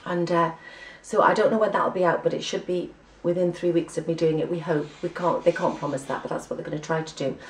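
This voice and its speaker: A woman's voice: fairly low pitch, fairly even intonation, fast talker, few pauses, echoey room, distant mic, slight background noise, low-quality recording. A woman with an English accent giving a breezy, chatty catch-up to camera, full of ums. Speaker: vlogger giving a personal catch-up. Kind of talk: casual chat to camera.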